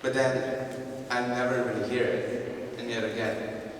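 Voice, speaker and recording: A man's voice: mid-range voice, level tone, measured pace, background noise. A man performing spoken word poetry at a reading, earnestly urging the audience to chant along. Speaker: poet at a reading. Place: large indoor hall with an audience. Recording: echoey hall, voice from far off.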